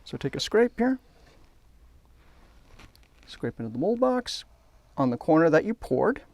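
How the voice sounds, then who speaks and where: A man's voice: on the high side, big pitch swings, unhurried, a little mellow, no room sound. A man demonstrating a hands-on hobby technique, chatty and enthusiastic as he narrates while working. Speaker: hobby instructor. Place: workshop.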